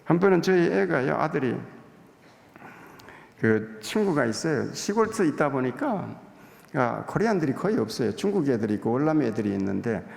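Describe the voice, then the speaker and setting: A man's voice: medium pitch, very animated, normal speed, vocal fry, a little mellow. A male pastor giving a confessional, humorous sermon in a church sanctuary, with hall reverb.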